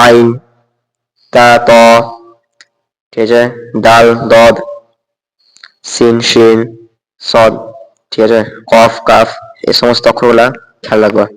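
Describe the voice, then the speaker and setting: Man, Quran reading teacher, slow, level monotone delivery, spells out letters and vowel marks, patient, keeps asking "okay?". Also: mid-range voice, long reverb tail, poor audio. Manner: spells out Arabic letters and vowel marks slowly, then drawn-out recitation; patient, checks understanding with repeated "okay?".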